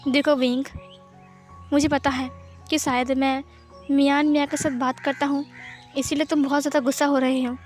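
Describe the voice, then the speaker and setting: A soft-hearted young man, nervous and stumbling over his words as he tries to calm someone down, with a woman reading his part. The voice is high and light, soothing and pleading in a storybook telling. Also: moderate pace, long pauses, faint music behind, lightly acted. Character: gentle, anxious young male writer pleading. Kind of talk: storytelling voice acting.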